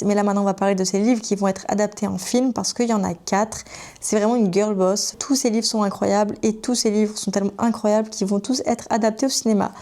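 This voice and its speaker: A young woman in her twenties from France, talking to camera as a book vlogger in a chatty, gushing way. Her tone is mellow and soft at a middling pitch. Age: 20s. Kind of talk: casual chat to camera.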